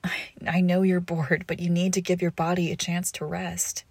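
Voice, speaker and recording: A young woman playing a devoted girlfriend who nurses her sick partner, coaxing and protective, often dropping to a hush. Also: medium pitch, steady tone, measured pace, dry recording. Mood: firm caring. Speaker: audio roleplay performer. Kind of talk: audio roleplay addressed to the listener.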